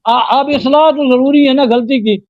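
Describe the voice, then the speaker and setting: A man debating religion live, slowly chanting Arabic invocations and then arguing pointedly. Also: very high-pitched, dry recording. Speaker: debater, Sunni cleric. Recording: dull, dry lo-fi audio.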